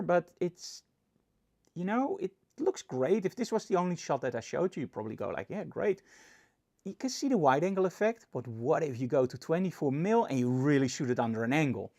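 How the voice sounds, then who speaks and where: A man teaching photography in a lively, explanatory presentation, with a Dutch accent. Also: a little high. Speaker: photography instructor. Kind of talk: presentation tutorial.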